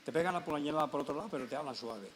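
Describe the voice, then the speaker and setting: Spanish male pastor, fairly high voice, chatty sermon with emphatic peaks, faint noise behind. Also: rapid-fire. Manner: conversational storytelling with repetitions and emphatic peaks. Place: church.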